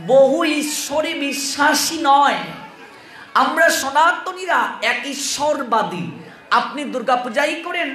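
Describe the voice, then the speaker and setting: A man's voice: very high-pitched, lively intonation, unhurried, bright, forceful tone. A man giving a devotional teaching discourse, patiently spelling out each point step by step and putting questions to his listeners. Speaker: religious speaker on the Gita. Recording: roomy echo.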